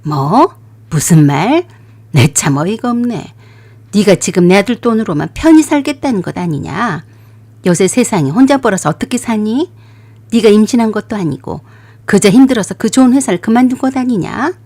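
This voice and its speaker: A woman's voice: mid-range voice, expressive, normal speed. A woman voicing a stern scolding older mother-in-law. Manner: scolding, sharp rebukes. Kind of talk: radio drama acting.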